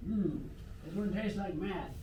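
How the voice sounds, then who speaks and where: A man plays a bumbling teacher who rambles and hesitates with lots of fillers. His voice sits high for a man. It is caught from far away in an echoey, noisy room. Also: a little slow. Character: bumbling adult man teacher of teen kids. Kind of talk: live improv comedy.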